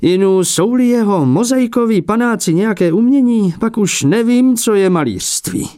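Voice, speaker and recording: Man playing a cranky old abbot, thin and high, jumpy in pitch, jealous of rivals; storybook read-aloud. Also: animated, warm tone, no echo, studio quality. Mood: huffy. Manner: high, piping and peevish, mocking rivals. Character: old male abbot and icon painter, fussy and jealous.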